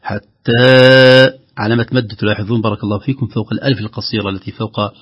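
A man teaching Quran recitation rules, explaining patiently and then reciting the examples slowly and more loudly. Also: fairly low pitch, fairly even intonation. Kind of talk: tajweed lesson with recited examples. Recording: dull lo-fi broadcast audio.

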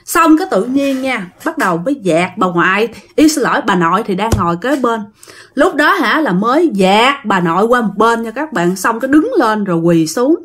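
Lively Southern Vietnamese woman telling ghost stories. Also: fairly high pitch, normal speed. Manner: chatty, addresses listeners directly. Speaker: storyteller. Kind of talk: spoken ghost story narration.

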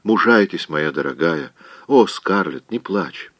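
A man voicing a kind, gentle young woman who softly consoles, in an audiobook reading. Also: low voice, expressive, measured pace, gravelly, dry recording, heavily acted. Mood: gentle consoling. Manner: soft, consoling.

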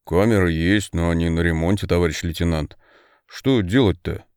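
A deferential, worried prison guard, voiced by a male reader reporting a problem to his officer. The voice stays low and ordinary. The audio is dry and close. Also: normal speed, a little mellow, smooth, no room sound, natural voice. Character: anxious prison guard, plain man.

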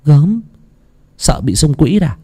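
A man's voice: a little high, very animated, takes it slowly, warm tone, breathy edge, no echo, voice pushed up, heavily acted. A man voicing a stubborn, injured young man who barks orders in a ghost story reading. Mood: wry.

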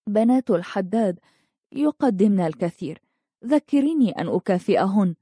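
A woman reading the lines of a sorrowful young princess in a faint, gentle voice. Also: medium pitch, animated, normal speed, breathy edge, dry recording, studio quality.

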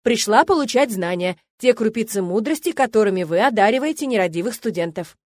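A man's voice: high voice, animated, brisk, dry recording. Cocky young mage, voiced by a woman. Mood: smug confident. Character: cocky young male noble mage, smug.

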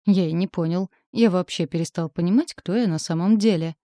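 Woman voicing a joking gruff young husband. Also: fairly low pitch, fairly quick, warm tone, no echo, studio quality, lightly acted.

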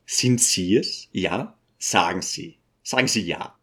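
A man's voice: mid-range voice, very animated, a little slow, slightly rough. A man voicing a brash, overbearing male suitor in an audiobook, talking insistently and crudely. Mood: wheedling. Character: pushy, brash middle-aged male suitor.

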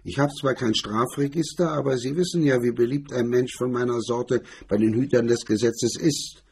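A man's voice: mid-range voice, normal speed, darkish tone, a little hiss or hum, pitched above the performer's own voice, lightly acted. A man reading the part of a cool, sneering male blackmailer, in a mocking, condescending tone. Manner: mocking, condescending, hard-edged.

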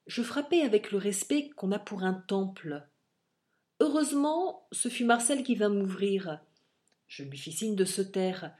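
Woman reading a classic novel aloud. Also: mid-range voice. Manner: expressive literary reading. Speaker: audiobook reader. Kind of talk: scripted narration of a classic novel.

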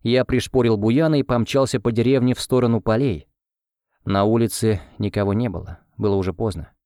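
A man narrating a first-person fantasy audiobook in a measured storytelling manner. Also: fairly low pitch, steady tone, mellow, no room sound, clean studio sound.

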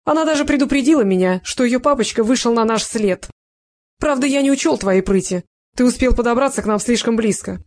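A narrator voicing a cowardly male gang crook who sneers and shrieks in a raised, quick voice. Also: a little mellow. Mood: sneering. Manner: shrill, sneering, shrieks when cornered.

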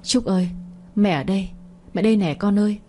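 A woman voicing a frail, worn-out mother in a storybook reading, gentle and tearful. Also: mid-range voice, fairly quick, faint music behind, lightly acted. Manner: tearful, pleading.

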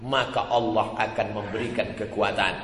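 A man's voice: fairly low pitch, flat delivery, moderate pace, fairly bright tone. A man preaching a sermon with emphatic repetition, rhetorical questions and chuckling asides. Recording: echoey hall with long reverb.

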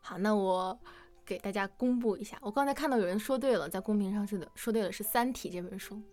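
Music runs underneath as a female quiz host chats through a casual fan quiz, steering each question. She talks fast, with a mid-range voice and a darkish tone.

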